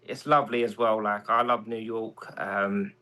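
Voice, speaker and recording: A man's voice: fairly low pitch, level tone, normal speed, poor audio. A man from England with a London accent, a guest on a casual chat show, talking hesitantly with lots of ums. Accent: London English. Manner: hesitant, many ums, soft-spoken.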